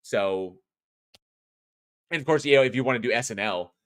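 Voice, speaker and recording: A medium-pitched man speaking at normal speed: a middle-aged, California-born American with a non-regional accent who hosts a horror show and does voice acting. His live-stream chat is casual and rambling, with viewer comments read aloud and frequent restarts and corrections.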